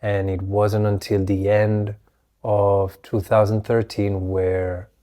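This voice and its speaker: A man, hosting a solo podcast, talking reflectively with many restarts, his voice a little hoarse as it recovers. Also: lowish voice, level tone, takes it slowly, warm tone. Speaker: podcast host.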